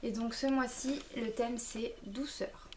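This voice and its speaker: A woman's voice: a little high, fairly even intonation, slow, a little hiss or hum. Chatty young woman unboxing. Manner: chatty, hesitant with many fillers. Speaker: vlogger. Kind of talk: casual unboxing chat. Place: at home in front of a camera. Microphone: camera mic, a little far.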